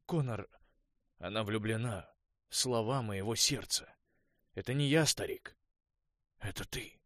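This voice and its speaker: A man's voice: on the low side, a little slow, a bit bright, no room sound, clean studio sound. A male audiobook reader voicing an anxious young man who speaks tensely and defensively. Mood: pleading. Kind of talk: audiobook dialogue reading.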